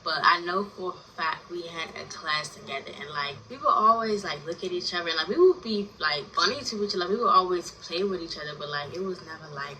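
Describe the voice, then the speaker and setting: A woman's voice: lowish voice, quick pace, hardly any pauses, bright, forceful tone. A woman of twenty telling a personal story in a casual vlog, rambling and chatty with constant fillers and casual swearing. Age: 20s. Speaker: story time vlogger. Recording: distant mic with noisy background.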